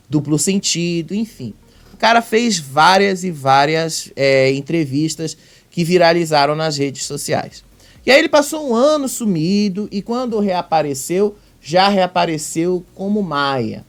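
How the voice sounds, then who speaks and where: A man hosting a celebrity gossip channel, talking in a chatty, emphatic commentary style. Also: on the high side. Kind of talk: casual commentary.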